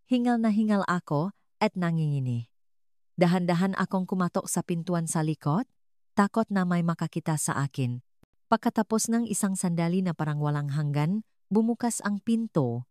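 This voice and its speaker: A woman telling a dramatic first-person story in an earnest, measured narration. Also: on the low side, dark tone, no echo, studio quality.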